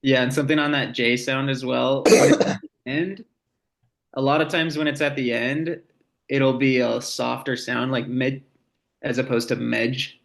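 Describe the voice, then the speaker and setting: A man teaching a language casually, unhurried and hesitant, with many filler words. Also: mid-range voice, fairly even intonation, vocal fry, a bit bright. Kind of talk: casual lesson.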